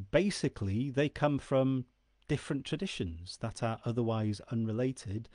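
A medium-pitched, slightly mellow male voice belongs to a Welsh-first-language man in his forties explaining Celtic myth to camera. He comes across as earnest, often checking in with the listener. Recorded in a dark room indoors on a close-placed studio mic on a stand, the sound is dry and clean.

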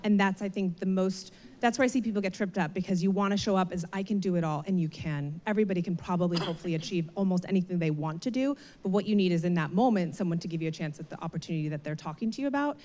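A woman recruiter speaks on a panel stage, her voice slightly low. She gives career advice in an earnest, direct way, holding a handheld mic. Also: racing, few pauses, warm tone. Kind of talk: panel discussion. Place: large atrium stage with audience.

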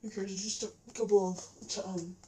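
Controller clicks, background noise, and roomy echo mark this camera recording of a woman casually commenting on a game. She sits indoors in her living room facing the TV. Her voice is mid-range and dark in tone, moving at a normal speed with fairly even intonation.

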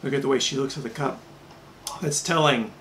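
A middle-aged man hosting a reaction video, talking casually and enunciating carefully with small pauses. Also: medium pitch, heavy background noise.

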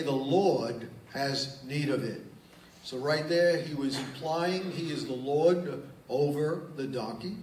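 Pastor guy reading scripture then explaining it, emphatic asides, bit far from the mic, faint room hum. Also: mid-range voice. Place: church sanctuary. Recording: roomy church sound, distant mic, faint ambience.

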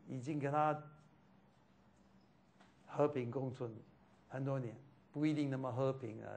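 Slow-speaking man teaching a class. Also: mid-range voice, gravelly. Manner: loose, repetitive, mixing in English fillers.

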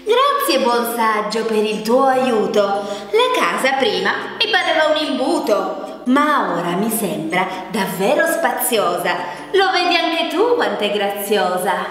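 A woman voicing a fussy, grumbling little old woman in a children's storybook, with shrill sing-song complaints. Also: big pitch swings, a little slow, few pauses, a bit bright. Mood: overjoyed. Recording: echoey room with long reverb, faint music.

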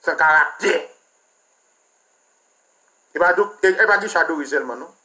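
Haitian male commentator, high-pitched, bright tone, scornful, crude, fired-up rant. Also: quick pace. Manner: mocking, crude, animated. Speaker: political commentator. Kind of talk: heated political rant.

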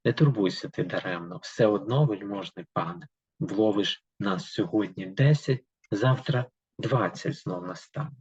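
A man's voice: lowish voice, moderate pace, breathy edge, no echo. A man teaching a literature lesson who reads a poem aloud with emphasis and then explains it to pupils with many fillers. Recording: dull, lo-fi dry recording.

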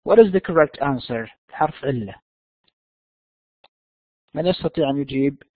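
A man teaching an online English class, drawing out the English words slowly and rattling off quick explanations. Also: a little high, expressive, no room sound. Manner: switches between slow drawn-out English and quick Arabic explanations. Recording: dry, phone-like narrow sound.

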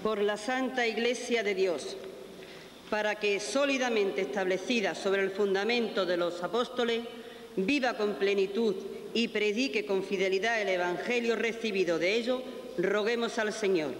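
Man reading prayers in booming church echo. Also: moderate pace. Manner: formal, steady reading. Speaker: reader of the prayers of the faithful. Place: large church, indoors. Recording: echoey church hall with hiss.

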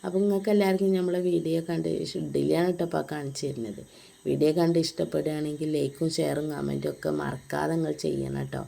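A woman's voice: low voice, fairly even intonation, quick pace, creaky, mellow. A woman with a Malappuram Malayalam accent, chatting casually to viewers in a home family vlog. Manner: chatty, addresses viewers with frequent tag words. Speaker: family vlogger.

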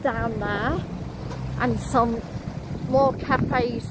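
Slow-talking woman on a windy street. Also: on the high side, steady tone. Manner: slow, chatty pointing out of shops. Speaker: vlogger. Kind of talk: walking tour narration. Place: outdoors on town streets. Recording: loud wind and traffic noise.

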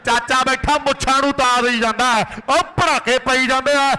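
A male commentator with a Malwa Punjabi accent gives frantic rural sports commentary. His voice is pitched extremely high with a forceful, sharp edge. He follows the kabaddi in a running play-by-play. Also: steady tone, normal speed, clean tone. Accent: Punjabi from Indian Punjab's Malwa region.

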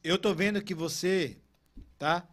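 A man's voice: high voice, slow pace. A man hosting a podcast, asking questions casually and greeting the viewers watching live. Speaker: podcast host. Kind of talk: casual interview talk.

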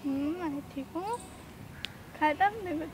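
A young woman in casual conversation outdoors in a park, giving soft, short replies. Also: high voice, normal speed, a crowd in the background, rough recording. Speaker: prank target friend.

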